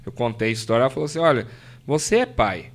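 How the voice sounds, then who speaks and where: A man's voice: medium pitch, very animated, quick pace. A Brazilian man from the São Paulo interior, a podcast guest telling a faith story earnestly, often tagging "né?" and acting out what others said. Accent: Brazilian Portuguese, São Paulo interior. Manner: earnest storytelling, frequent "né?", acts out quoted voices. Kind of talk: emotional testimony in casual chat.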